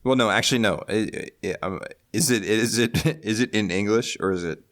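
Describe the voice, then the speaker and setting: Low-voiced young man, swearing and joking. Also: normal speed, fairly bright tone. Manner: swearing, jokey, laughs often. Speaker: player. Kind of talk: playing a tabletop game, casual chat.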